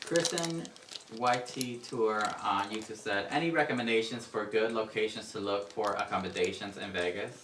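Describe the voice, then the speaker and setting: Bright-voiced man off-mic, roomy. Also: fairly low pitch, moderate pace, distant mic, a little hiss or hum. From Mexico. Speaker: co-host reading viewer comments. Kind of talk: casual chat reading comments aloud. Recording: roomy, off-mic, music behind. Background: faint background music.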